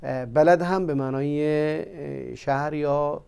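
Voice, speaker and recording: Man, language teacher, gravelly, warm, halting explanations. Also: on the high side. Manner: hesitant, many pauses and fillers. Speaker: Arabic teacher. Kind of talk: explaining vocabulary in a language lesson. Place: studio.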